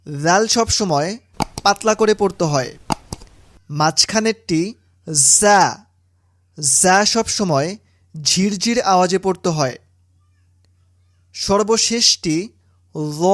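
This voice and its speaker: A woman teaching Quran reading, pronouncing letter sounds slowly and deliberately, one syllable at a time. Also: fairly low pitch, no echo, clean studio sound. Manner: slow, deliberate, drawn-out syllables. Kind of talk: slow instructional recitation lesson.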